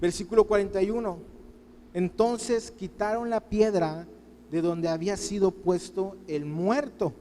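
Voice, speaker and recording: A high-pitched man delivers a fervent sermon, slipping into the voices of the people he describes as he pleads with them. His voice rings out with a long hall reverb around it, as from a church. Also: steady tone, a little slow, dark tone, a little hiss or hum. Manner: impassioned preaching, voicing people's pleas in quotes. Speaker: pastor.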